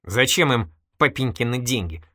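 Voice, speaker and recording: A man's voice: medium pitch, very animated, moderate pace, fairly bright tone, no room sound, clean studio sound, voice pushed up. A man playing a wry, polite young detective. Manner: polite, dryly humorous. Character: calm, wry young male police detective. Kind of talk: audiobook character voice.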